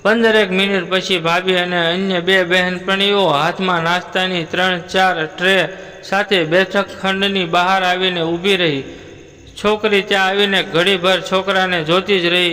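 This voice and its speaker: A man narrating a moral story in a steady, even storytelling read. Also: sits high, normal speed, big-room sound.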